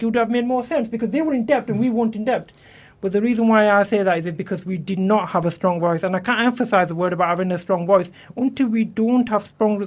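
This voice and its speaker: A man, an election candidate answering radio interview questions earnestly, often restarting and repeating words in a studio. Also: high voice. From England.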